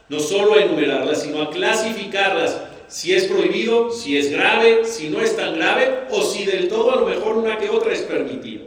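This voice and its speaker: Rabbi teaching in an echoey hall. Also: male voice, sits high. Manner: asks the audience questions, animated. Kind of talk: Torah class to a live audience. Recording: echoey room, mic far off.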